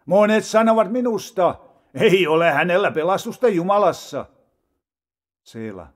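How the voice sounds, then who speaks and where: Man reading scripture with lively pitch. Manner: solemn, measured, dramatic rises and falls. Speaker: Bible reader.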